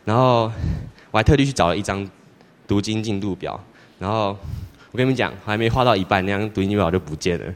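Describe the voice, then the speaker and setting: A teenage boy giving a church testimony in a rambling, halting way, with many restarts. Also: fairly low pitch. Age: teens. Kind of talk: personal testimony. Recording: long hall reverb.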